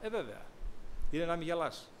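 A man preaching a sermon who asks his listeners questions and swings between loud emphatic lines and quiet low asides. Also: very animated. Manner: preaching with rhetorical questions to the congregation.

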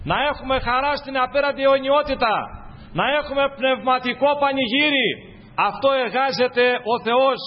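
A man preaching a sermon to his congregation, building his points through fervent, repetitive lists. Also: very high-pitched. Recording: dull lo-fi recording.

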